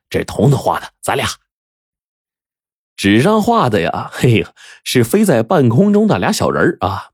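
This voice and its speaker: Husky, lively male storyteller. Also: fairly low pitch, dry recording, clean studio sound. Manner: lively, colloquial, animated. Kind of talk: casual spoken storytelling.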